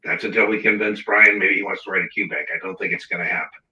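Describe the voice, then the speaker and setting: A man hosting a live exam-prep Q&A, chatty and repeating words for emphasis, heard through tinny, low-quality audio that cuts in and out. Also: fairly even intonation, fast talker, bright, forceful tone. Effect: tinny, low-quality audio cutting in and out. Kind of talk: casual livestream talk. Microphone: wrong mic across the room. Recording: tinny, roomy sound from a mic far off.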